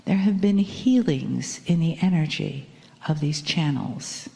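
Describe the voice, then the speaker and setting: Soft, low, soothing woman guiding meditation, reverberant. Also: unhurried. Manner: soft, soothing, breathy spa-like delivery. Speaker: guided meditation leader. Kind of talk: guided meditation. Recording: long hall reverb.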